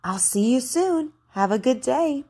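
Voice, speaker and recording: A woman giving an instructional speech drill, over-enunciating in a deliberate, careful way as she models sentences for repetition. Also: sits high, animated, warm tone. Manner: encouraging.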